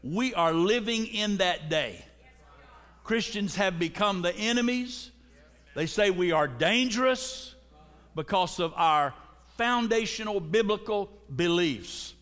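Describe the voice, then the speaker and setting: Slow and lively in intonation, this pastor's voice sits high and a bit bright as he preaches humorously and calls out to the congregation. Long echoing reverb fills the church sanctuary recording.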